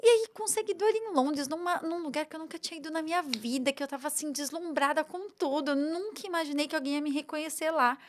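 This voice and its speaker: A woman with a Brazilian Portuguese accent and a notably high voice, speaking as a podcast guest. She tells her story with animated feeling and voices her own thoughts as she goes. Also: fast, hardly any pauses.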